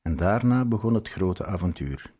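A man reading a story aloud in a measured, scripted narration. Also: sits low, lively intonation, dark tone, breathy edge.

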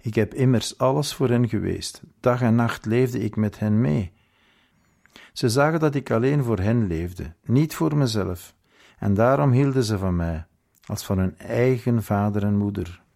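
A man reads a first-person memoir in a measured, earnest voice. His tone sits low, with a gravelly fry running through it. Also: warm tone. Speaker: audiobook reader.

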